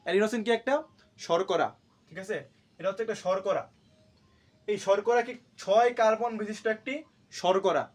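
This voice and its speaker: Male teacher, high-pitched, lecture style, drills terms by asking and answering his own questions. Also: a little fast, long pauses. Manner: repeats key terms to drill them. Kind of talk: classroom lecture.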